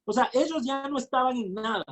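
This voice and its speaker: A woman preacher, giving a fervent sermon and reading scripture slowly, with frequent exclamations. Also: sits high. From Ecuador. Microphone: recorded sermon.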